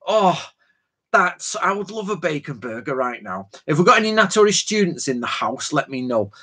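A man's voice: fairly high pitch, big pitch swings, moderate pace, bright, forceful tone, slightly rough. Man, forties, hosting a live Q&A; talky, tangent-prone, loose slangy delivery. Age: 40s. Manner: rambling, chatty, jumps between tangents; informal slang and frequent fillers. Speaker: host of a live Q&A stream. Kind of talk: casual live-stream Q&A lecture.

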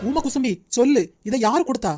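A woman voicing a cheeky teenage younger brother in a cartoon, mocking and needling fast. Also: high voice, a little mellow, soft background music, close to an everyday voice. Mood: teasing.

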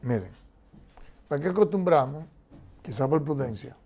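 A man's voice: on the high side, moderate pace, vocal fry. A middle-aged man arguing emphatically as a political commentator in a TV studio debate, talking with his hands. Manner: emphatic, animated, gestures a lot while talking.

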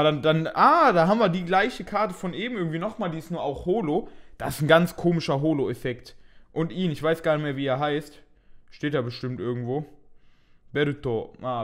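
A young man talks casually through an unboxing, thinking aloud and poking fun at himself now and then. His voice sits a bit high for a man. The delivery is loose and conversational. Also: fairly bright tone. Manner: chatty, thinks aloud, mildly self-mocking. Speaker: unboxing video host.

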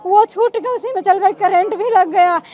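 A woman in her twenties, a survivor, giving a distressed, halting account to a reporter outdoors. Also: very high-pitched, darkish tone. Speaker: survivor interviewed. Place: outdoors in a crowded lane. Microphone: handheld news mics.

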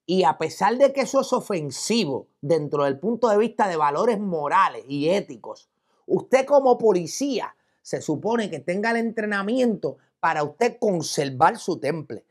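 A man's voice: high-pitched, moderate pace. A man with a Puerto Rican accent gives opinion commentary and tells a personal anecdote, acting out the voices of the people in it. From Puerto Rico. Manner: animated storyteller who acts out quoted voices.

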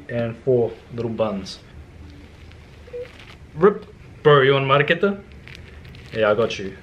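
A man's voice: on the high side, muffled recording, slight background noise. Laid-back young man demoing a recipe. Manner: laid-back, slangy, chatty. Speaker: cooking vlogger. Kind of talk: casual cooking demonstration. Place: home kitchen, indoors.

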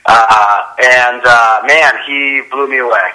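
A man's voice: medium pitch, takes it slowly, low-quality recording. Rambling man on a speakerphone line. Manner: relaxed, rambling, lots of fillers. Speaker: caller. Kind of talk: casual phone chat.

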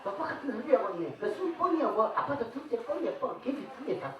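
A woman's voice: on the high side, sing-song, fast talker, far from the mic, crowd noise. A woman performing as a street entertainer, joking and teasing her audience in playful stage banter at an outdoor festival. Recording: echoey PA sound from afar over music.

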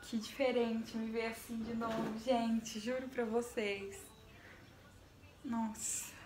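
A woman's voice: on the high side, flat delivery, slow pace, noisy background. A woman with a Brazilian accent chatting nervously to her viewers in a casual home vlog, filmed on a phone set down nearby. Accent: Brazilian Portuguese. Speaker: vlogger. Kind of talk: casual vlog chat to camera. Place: home, bathroom area. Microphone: phone camera set down nearby.

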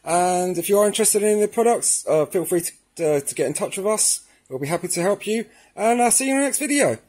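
The man's voice sits high, with an animated, quick delivery and a darkish tone. It's an informal how-to on installation, spoken casually and straight to the audience, who he calls "guys."

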